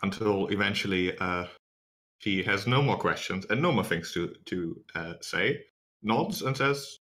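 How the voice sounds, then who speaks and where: A man narrating a tabletop role-playing game as game master, improvising in halting phrases. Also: sits low, animated, a bit bright.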